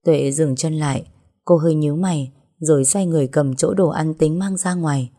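Female story narrator: low, mellow, steady. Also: moderate pace.

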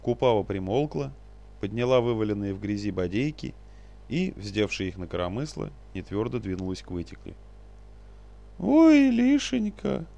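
A man reading a story aloud with expressive narration. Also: on the low side, brisk, vocal fry. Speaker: audiobook reader.

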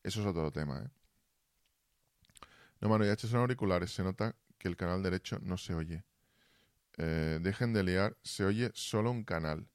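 Casting: deep-voiced male streamer, casual and fumbling with his mic, close dry sound. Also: moderate pace, pauses often, dry recording. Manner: fumbling with audio gear, asking chat for feedback. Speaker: Twitch streamer. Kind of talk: casual live-stream chat. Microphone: desk mic, then built-in computer mic.

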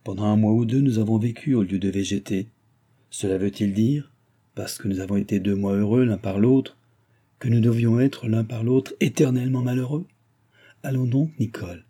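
A man's voice: medium pitch, warm tone, slightly rough, natural voice. A man playing a cold, arrogant young man who lectures with disdain in a read-aloud novel.

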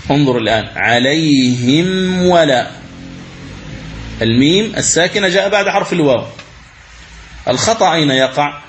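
Man teaching Quran recitation, fairly high voice. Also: expressive, a little hiss or hum. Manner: poses questions then answers them; chants verses slowly as examples. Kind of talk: religious lesson commentary.

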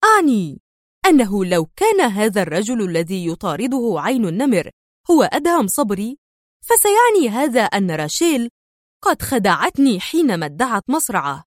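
A woman's voice: on the high side, darkish tone, no echo, studio quality. A woman playing a cold, ruthless gang boss. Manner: harsh, stern and cold.

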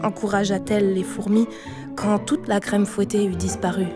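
A woman narrating a children's audiobook in a gentle, expressive reading voice. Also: mid-range voice, normal speed, music in the background. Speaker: storyteller.

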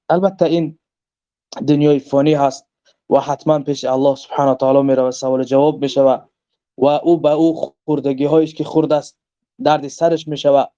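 Man, Tajik accent, earnest book lesson, mellow voice, muffled lo-fi sound. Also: fairly high pitch. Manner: earnest and emphatic, stops to translate quoted verses. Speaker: religious teacher. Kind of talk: religious lesson reading and explaining a book.

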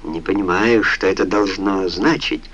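A man's voice: sits low, moderate pace, fairly bright tone, breathy edge, lo-fi sound, full character voice. Caring young heroine with a worried plea, lightly voiced by a male audiobook reader. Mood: gentle. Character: anxious caring young woman.

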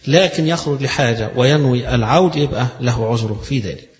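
In an echoey hall captured with dull, lo-fi sound, an Egyptian-accented man lectures on religion at a fairly quick pace in a mid-range voice. He reads a passage and then unpacks it in everyday Egyptian Arabic, repeating phrases so their pronunciation is clear.

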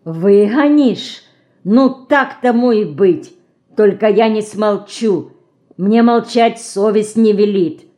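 A woman reading an audiobook, voicing an earnest village girl with Ukrainian-tinged rural speech who lectures slowly and solemnly. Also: medium pitch, warm tone, close to an everyday voice. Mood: pleading. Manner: slow, solemn, folksy lecturing.

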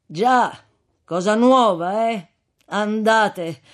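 A woman voicing a rude, sharp-tongued townswoman who answers curtly and yells in a husky voice. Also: extremely slow. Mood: dismissive. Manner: curt, dismissive, then shrill yelling.

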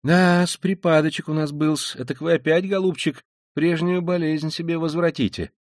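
A man's voice: a little high, steady tone, moderate pace, dry recording, studio quality, pitched above the performer's own voice, close to an everyday voice. A man reading an audiobook, voicing a fussy, cunning middle-aged male investigator who talks in an ingratiating, sly way. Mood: fussing. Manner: ingratiating, sly, with old-fashioned deferential endings.

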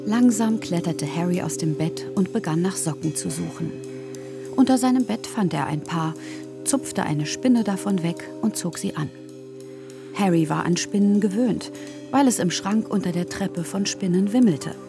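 A woman reads a novel in a calm, measured storytelling voice. Her tone sits low with a gravelly edge, and music plays clearly underneath. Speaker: narrator reading a novel. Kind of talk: literary reading.

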